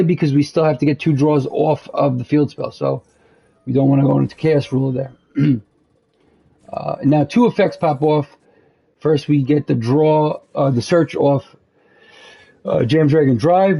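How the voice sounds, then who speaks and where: A man's voice: a little high, creaky, warm tone, breathy edge, rough recording. A man hosting a card game channel, talking casually through gameplay in a rambling way full of fillers, tired and losing his voice.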